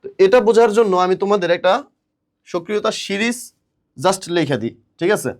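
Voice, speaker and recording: A male chemistry teacher with a fairly high voice, lecturing a class. He puts questions to the students and answers them himself, and the scratch of writing on a board comes through behind him. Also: expressive, a little fast. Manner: chants a mnemonic rhyme in a sing-song voice.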